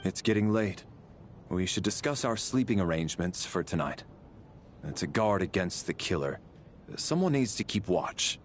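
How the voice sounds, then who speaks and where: A man's voice: sits low, animated, moderate pace, a little hiss or hum. A man playing a stern, dutiful guard in a video game, speaking formally and seriously. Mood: grave, businesslike. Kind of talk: game voice acting.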